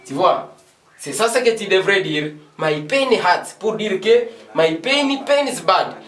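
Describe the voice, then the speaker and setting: Man, English teacher at a board, high voice, unhurried, repeats phrases; echoey room, distant mic. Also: lively intonation, a bit bright, soft background music. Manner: repeats phrases slowly, switches between French and English. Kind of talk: classroom lesson at a board. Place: classroom with a board.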